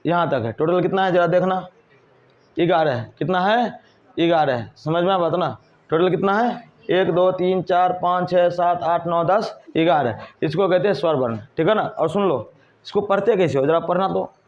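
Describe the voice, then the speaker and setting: High-voiced man teaching grammar, lo-fi. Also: moderate pace. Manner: repeats questions to the class and answers them himself. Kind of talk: whiteboard grammar lesson. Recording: dull lo-fi recording.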